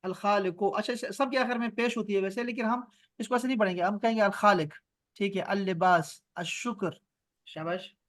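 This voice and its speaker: A man with a Pakistani Urdu accent teaches an online class over a video call. His voice sits high and sounds dry and close to the mic. He repeats words patiently and checks in with his students often. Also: fairly even intonation, no echo. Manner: patient, repeats words slowly for students, asks "theek hai?". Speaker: Arabic and Quran grammar teacher.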